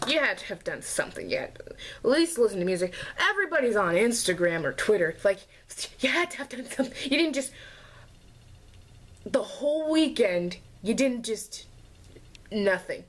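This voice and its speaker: A woman's voice: medium pitch, big pitch swings, normal speed, pauses often. A young woman vlogger telling a casual, exasperated storytime rant about her classes, full of sarcasm. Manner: exasperated, sarcastic, mocks classmates in put-on voices.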